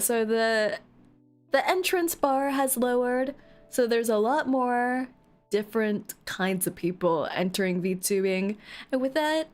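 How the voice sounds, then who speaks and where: A woman chatting casually on a livestream to her viewers, with a playful, cute anime-streamer delivery. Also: on the high side. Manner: playful, giggly. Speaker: VTuber streamer.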